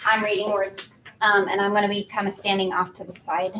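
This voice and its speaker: A woman's voice: mid-range voice, flat delivery, fairly quick, noisy background. A woman running a school spelling bee, giving firm, step-by-step instructions to students. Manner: firm, instructive, repeats rules. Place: school event room.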